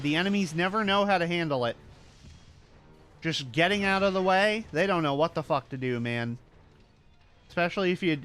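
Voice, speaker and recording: A man's voice: high voice, a bit bright. A male streamer chatting casually while playing, ranting with swearing and self-mocking jokes. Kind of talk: casual gaming stream chat.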